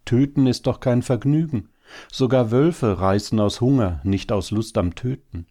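A man's voice: on the low side, normal speed, dark tone, pitched above the performer's own voice. A man reading a story, voicing a wounded female hare who limps and laments in a raised, plaintive tone. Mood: indignant. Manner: plaintive, sighing.

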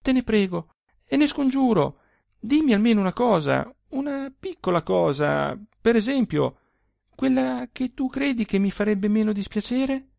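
An eager, lovestruck husband begging his wife, as a male reader acts him out, his voice jumping up high and swinging widely. He presses on insistently, almost breathless with hope. Dry, close recording. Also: animated, normal speed, creaky, darkish tone, dry recording, heavily acted. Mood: pleading. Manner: insistent, imploring.

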